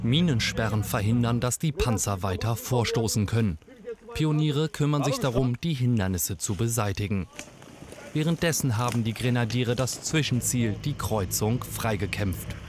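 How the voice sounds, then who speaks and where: A man's voice: medium pitch, normal speed, background noise. A man reading scripted narration for a military documentary. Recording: voice-over with loud music bed.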